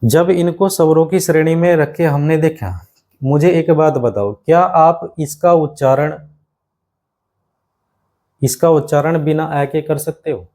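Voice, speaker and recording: A man's voice: on the high side, unhurried, mellow. A man teaching a grammar lesson for exam students, explaining step by step with many rhetorical questions and often addressing the students as his friends.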